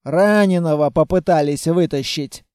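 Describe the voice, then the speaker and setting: A calm male soldier in an audiobook gives clipped status reports over a headset, read by the male narrator. The voice is high and mellow, and the recording is dry and close. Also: moderate pace, dry recording, lightly acted. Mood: reporting. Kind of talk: audiobook character voice.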